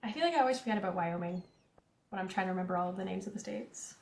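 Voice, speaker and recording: Rapid-fire and creaky, her mid-range voice rings in a reverberant space. She's a young Canadian streamer with a central Canadian accent, casually chatting, reading viewer chat aloud and giggling while she plays a farming game.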